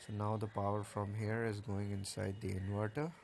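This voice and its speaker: On a rooftop solar installation, a man walks along and explains each component step by step, casually and plainly, with the occasional filler. His voice is lowish, gravelly and a little mellow, with little pitch movement and a moderate pace. A bit of hiss or hum sits in the background.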